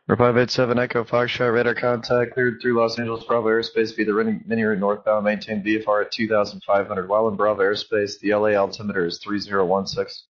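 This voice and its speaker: A man's voice: fairly low pitch, monotone, fast talker, few pauses. A man working as an air traffic controller, giving clipped standard instructions over aviation radio. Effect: aviation radio transmission. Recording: muffled band-limited radio transmission.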